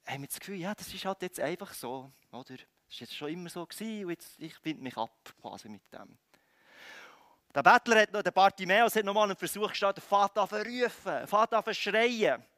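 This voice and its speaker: A man with a Swiss German accent preaching a sermon, swinging between loud calls and quiet, close lines. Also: high voice, no echo. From Switzerland.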